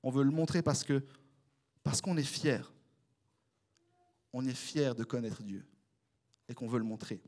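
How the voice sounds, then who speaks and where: A man's voice: mid-range voice, measured pace, long pauses. A young man with a Swiss French accent preaching a casual, conversational sermon, speaking straight to his listeners. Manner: animated, conversational, addresses the congregation directly.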